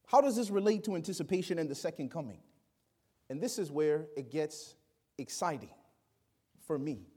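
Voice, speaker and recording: Male preacher, high voice, dynamic delivery with loud and hushed turns. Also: lively intonation, moderate pace, long pauses. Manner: dynamic, swings from loud exclamations to quiet asides; acts out quoted voices. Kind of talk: sermon.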